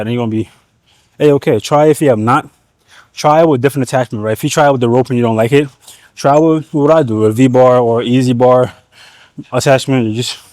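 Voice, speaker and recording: A man vlogs from the gym, talking viewers through a back workout in a relaxed, slangy style while slightly winded. His voice sits at a medium pitch with a somewhat dark tone, and the recording has no room sound.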